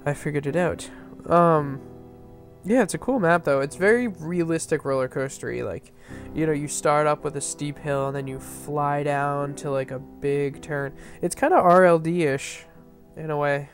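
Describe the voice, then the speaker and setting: Faint background music accompanies a man reviewing a map during gameplay, his stuffy, nasal voice pitched on the high side and moving at normal speed. The commentary is casual and meandering, heavy on fillers, with frequent restarts and self-corrections.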